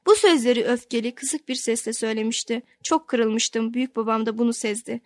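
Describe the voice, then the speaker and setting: Woman audiobook narrator, higher voice, dry close sound, steady first-person storytelling. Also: fairly quick, no room sound. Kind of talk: scripted narration of a novel.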